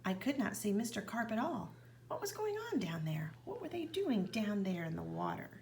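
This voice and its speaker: A woman reads a children's picture book aloud, often dropping into a hushed whisper. Her voice is gravelly and sits at a middle pitch. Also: normal speed, a little hiss or hum. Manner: expressive, often whispered narration. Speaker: reader.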